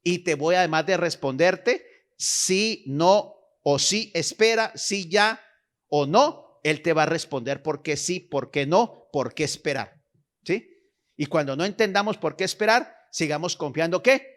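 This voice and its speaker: A man's voice: a little high, expressive, measured pace, fairly bright tone. A man preaching a sermon, exhorting his listeners, repeating phrases and checking in with them, and reading scripture aloud with emphasis.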